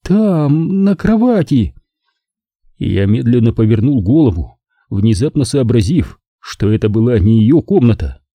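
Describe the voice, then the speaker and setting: A male narrator tells a first-person crime story in a measured, dramatic way. His voice is dark, mellow and husky, with lively rises and falls, recorded close and dry. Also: lowish voice, no echo. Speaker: audiobook narrator. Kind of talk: first-person detective novel reading.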